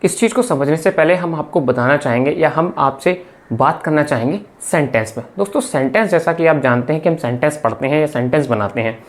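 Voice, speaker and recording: Low-voiced woman teaching grammar. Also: fairly quick. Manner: explains step by step, repeats "friends" and "okay" often. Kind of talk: video lecture explaining grammar.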